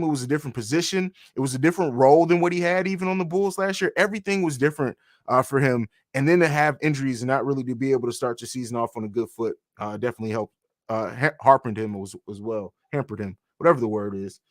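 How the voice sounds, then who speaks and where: A man's voice: medium pitch, fast, no room sound, clean studio sound. A man hosting a basketball podcast, talking casually and bluntly, rambling with restarts. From grew up in Germany on a US military base. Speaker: podcast host. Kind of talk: casual sports podcast talk, reading chat.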